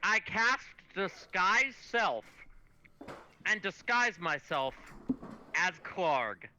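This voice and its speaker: A man's voice: sits high, big pitch swings, drawn-out words, sharp tone, muffled recording, a little hiss or hum. A man playing a tabletop game, in casual upbeat table talk. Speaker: player.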